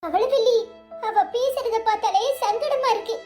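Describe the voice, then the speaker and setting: An anxious middle-aged cartoon mother from a village, voiced by a woman laments and frets. She speaks Tirunelveli Tamil in a strikingly high voice, with faint music underneath. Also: measured pace, a little mellow. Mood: fretful. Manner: fretful, lamenting.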